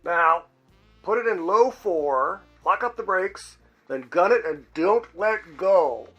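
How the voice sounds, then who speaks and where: A man voicing a blunt, bossy male farmer neighbor who swears, raising his voice higher and louder than his narration. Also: animated, takes it slowly, highs cut off, soft background music, full character voice. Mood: commanding.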